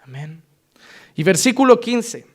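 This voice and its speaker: Preaching with a Spain Spanish accent, the man's high, husky voice swings widely in pitch as he moves at a measured pace. He hammers his points loudly, then settles into soft, earnest moments in this impassioned sermon.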